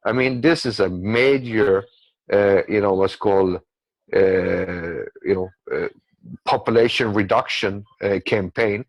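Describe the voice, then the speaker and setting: Rough, echo-free audio captures a guest commentator with a fairly low male voice. English isn't his native language, and his off-the-cuff political commentary is rambling and repetitive, with regular check-ins directed at the listener.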